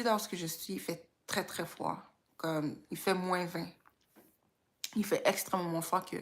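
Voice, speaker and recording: A Québécoise woman from Quebec, Canada hosts a livestream, chatting in a casual, reflective way. She's informal and unhurried, thinking aloud as she talks, with a lowish voice and vocal fry.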